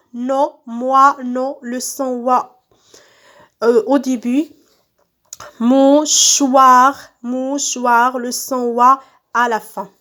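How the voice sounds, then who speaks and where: A woman teacher with a high, light voice walks young children through a workbook exercise. She speaks unhurriedly, drawing out each word and saying it twice or three times. It sounds like a phone recording made for pupils at home. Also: a bit bright. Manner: slow, stretched-out words repeated for children. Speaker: primary school teacher.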